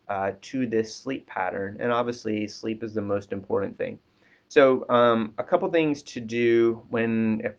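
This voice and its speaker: Casting Man, lower voice, counselor giving easygoing advice, lots of fillers, dull lo-fi recording. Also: gravelly. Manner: relaxed, many ums and restarts. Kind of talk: casual advice talk. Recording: dull lo-fi sound.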